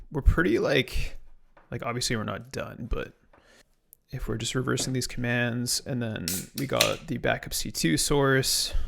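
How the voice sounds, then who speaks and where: A young Canadian man is live-streaming a reverse-engineering session, casually thinking out loud, muttering to himself and reading questions from chat. His voice is mid-range, creaky and fairly bright, with a little hiss or hum underneath.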